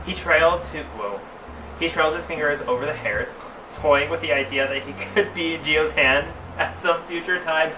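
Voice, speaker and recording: A man recorded away from the mic with clear background noise. He has a sassy drag queen manner, reading a story aloud for comedy. He stretches words for theatrical emphasis and breaks into casual, mock-scandalized asides. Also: fairly high pitch, normal speed. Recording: roomy, distant mic, clearly noisy background.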